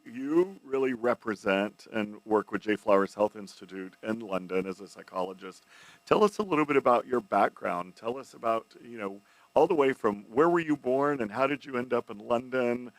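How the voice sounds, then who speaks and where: A man's voice: mid-range voice, dry recording, poor audio. A man hosting an interview podcast, asking questions and giving frequent short affirmations. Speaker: podcast host.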